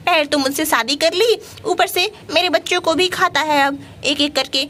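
Indignant mother sparrow, put on by a woman, shrill and stubborn, very high. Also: normal speed, pushed and bright. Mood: aggrieved.

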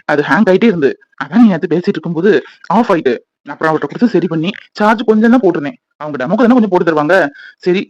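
A man's voice: sits high, no echo, poor audio. A man voicing a loving young husband in a cartoon, earnest and reassuring. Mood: soothing. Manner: soothing, coaxing, explaining quickly.

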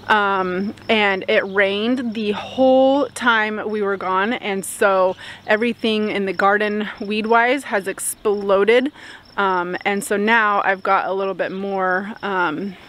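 A woman's voice: medium pitch, a little hiss or hum. Chatty woman vlogging in her garden. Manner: relaxed, frequent "um" fillers, light laughs. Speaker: homestead vlogger. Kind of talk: casual vlog narration. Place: outdoor garden and greenhouse. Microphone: camera held at arm's length.

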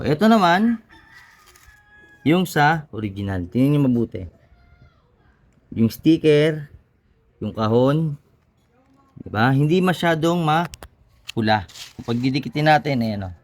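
A man hosting his own channel, showing motorcycle parts in a casual how-to demonstration with frequent tag questions and pauses. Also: medium pitch. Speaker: motorcycle mechanic and channel host.

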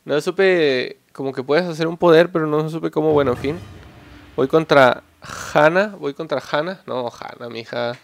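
A young man commentating a fighting game, excitable and joking, cursing at his rivals. His voice sits a bit high with a gravelly, creaky edge. The recording is noisy, with clicks in the background. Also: moderate pace. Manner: excitable, joking, swears at opponents. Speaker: gameplay channel host. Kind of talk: gameplay commentary.

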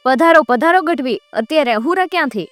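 A woman voicing a hospitable male village chief in a spoken folk tale, with a loud, raised welcome. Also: high voice, sing-song, moderate pace, no echo, soft background music, pitched above the performer's own voice. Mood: welcoming. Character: hearty village chief welcoming a guest, man.

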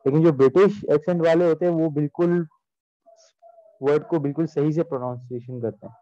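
A man's voice: fairly high pitch, fairly quick, warm tone, no room sound, dull audio. A young man answering his teacher in an online class, polite and hesitant, calling her ma'am. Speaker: student. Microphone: video call.

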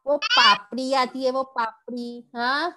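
A young woman with an Indian English accent teaching a kindergarten class online, explaining slowly and switching between Hindi and English. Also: high voice, pushed and bright. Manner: slow, drawn-out explaining, mixing Hindi and English.

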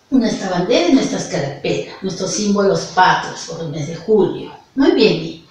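A woman's voice: medium pitch, distant mic. A woman with a Peruvian accent teaching a virtual lesson to young children, speaking affectionately and stretching her words so they can follow. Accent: Peruvian Spanish. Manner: affectionate, slow and exaggerated for small children. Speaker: primary school teacher. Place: classroom with a whiteboard. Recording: echoey room, away from the mic.

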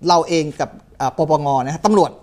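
A man's voice: a little high, a little mellow. A middle-aged man, a police commander, explaining firmly as a guest on a studio talk show. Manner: fast, explanatory, firm.

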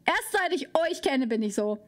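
Young woman vtuber, super high squeaky voice, bounces up and down a lot, yells no at chat. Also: sing-song, normal speed. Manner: squeals in high-pitched, dramatic protest. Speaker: VTuber streamer. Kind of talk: live stream reaction chat.

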